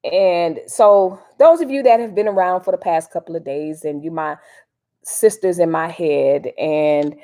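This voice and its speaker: Speaking in a low, dark voice without hurrying, a Miami woman hosts a laid-back livestream. She answers viewers in rambling, informal American slang of a folksy sort, mixing in commentary.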